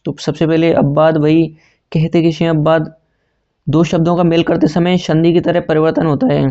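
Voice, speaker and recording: A man's voice: on the high side, level tone, moderate pace, dark tone, lo-fi sound. A man teaching a grammar lesson for exam preparation, asking and answering his own questions and correcting himself as he goes. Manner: self-correcting, says sorry mid-sentence.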